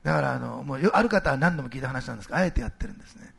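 A middle-aged male pastor giving a sermon in a conversational, animated way, posing rhetorical questions to the congregation. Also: medium pitch, rapid-fire, gravelly, slightly rough.

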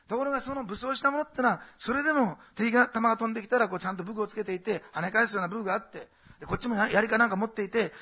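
A middle-aged male pastor preaching a sermon, swelling loud and emphatic, then dropping to quiet asides. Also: high voice, slightly rough.

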